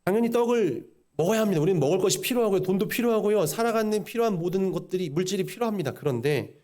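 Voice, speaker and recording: A man preaching a sermon as pastor, voicing quotes and questions along the way. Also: sits high. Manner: preaching with quick, animated delivery and voiced quotes.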